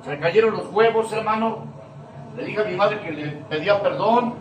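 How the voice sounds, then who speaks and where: A man's voice: high voice, normal speed. A man with a Mexican accent giving an emotional recovery testimony, emphatic and full of street slang and swearing. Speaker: speaker sharing his recovery testimony. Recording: echoey room, mic at a distance, faint noise.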